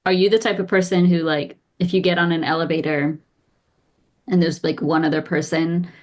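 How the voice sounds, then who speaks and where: A woman co-hosting a casual podcast, chatty and quick to laugh, with many filler words. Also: lowish voice, steady tone. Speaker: podcast co-host. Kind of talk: casual chat.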